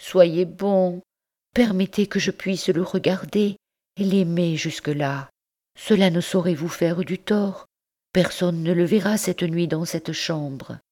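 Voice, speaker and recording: A woman's voice: on the low side, takes it slowly, darkish tone, pitched above the performer's own voice. A woman voicing a frail young mother in an audiobook, pleading in a trembling voice.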